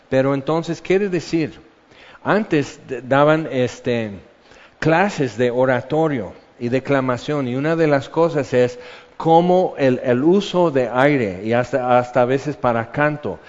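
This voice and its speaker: A man's voice: medium pitch, unhurried, darkish tone. A man with a Mexican accent preaching a sermon as a conversational Bible lesson, explaining things in a chatty way and often checking in with "ok". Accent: Mexican Spanish. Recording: dull audio with long hall reverb.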